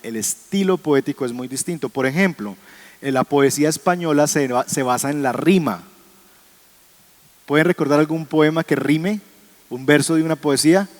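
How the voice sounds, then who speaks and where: A man teaching a Bible class on Hebrew poetry, talking to his students, asking them questions and chuckling now and then. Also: mid-range voice. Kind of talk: classroom lecture.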